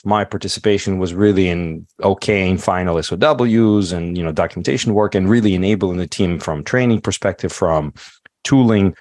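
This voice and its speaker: A middle-aged podcast guest, not a native English speaker, eases through his answers in casual interview talk, thoughtful and full of fillers and restarts. His voice is very low, and the sound is close and dry with no room echo.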